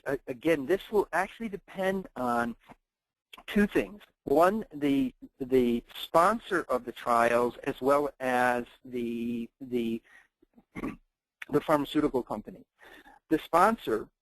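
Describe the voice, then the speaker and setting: A man of middle pitch explains trial rules in a live webinar Q&A, stopping often to restart his sentences with "um" and "uh." The sound is dry and close, with no room echo at all. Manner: hesitant, many fillers and restarts. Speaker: clinical trial expert answering questions.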